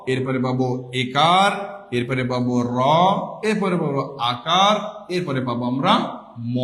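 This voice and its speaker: Male tutor with a Bangladeshi Bengali accent and a high voice, quizzing his class in a reverberant room. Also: fairly bright tone. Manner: drills students with repeated questions and answers. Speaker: teacher. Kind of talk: online exam-prep grammar lesson. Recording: echoey room with long reverb.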